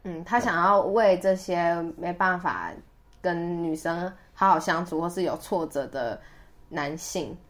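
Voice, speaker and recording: A woman's voice: fairly low pitch, unhurried. A woman with a Taiwanese Mandarin accent talks casually as the co-host of a podcast. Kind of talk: casual chat.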